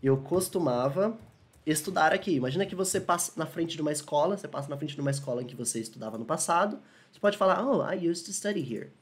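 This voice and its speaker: With an expressive voice on the high side, a male English teacher with a Brazilian Portuguese accent runs a casual video lesson. He's upbeat, frequently checks if viewers agree, and slows his pace for English examples.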